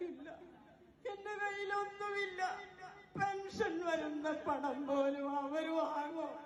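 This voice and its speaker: A frail, abandoned elderly mother begs in a slow, trembling voice, played by a woman. Her voice sits high and drags along unhurried. A roomy echo and a faint crowd murmur surround it, as in a short drama skit. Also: little pitch movement. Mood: pleading.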